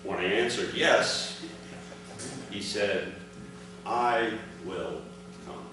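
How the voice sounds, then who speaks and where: Over music, a man with a fairly low voice reads aloud his father's first-person memoir at a commemoration, speaking in short, measured, separated phrases. The large event room echoes, and the far-off mic records clear background noise.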